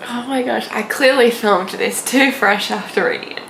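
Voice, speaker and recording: Her voice is on the high side, with vocal fry and a moderate pace. A young book vlogger, she gushes and rambles casually to the camera, and background noise is clearly audible.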